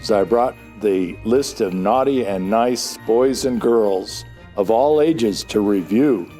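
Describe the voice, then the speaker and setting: A man's voice: lowish voice, takes it slowly, mellow, faint music behind. A man playing a jolly, cozy old Santa Claus fond of puns in an audio drama, with a folksy, chuckling delivery. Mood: jolly, homey.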